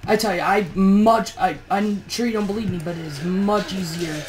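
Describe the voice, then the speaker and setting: A woman's voice: medium pitch, fairly even intonation, normal speed, darkish tone, rough recording. A tired woman with a morning voice, chatting through gameplay commentary on a push-to-talk mic and grumbling in exasperation at how things are going. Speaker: let's play host.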